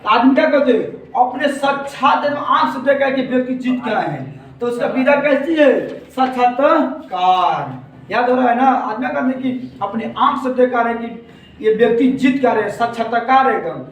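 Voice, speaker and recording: A male teacher, giving a classroom lesson in call-and-response style, repeating key words slowly. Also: very high-pitched, animated. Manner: asks and answers his own questions, repeats key words slowly. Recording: very echoey room, distant from the mic, faint noise.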